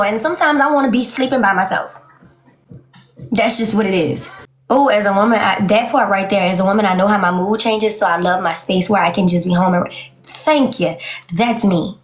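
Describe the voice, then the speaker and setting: A woman in her late twenties speaking bluntly and candidly in a casual interview, laughing often. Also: on the high side. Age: 20s. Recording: roomy echo.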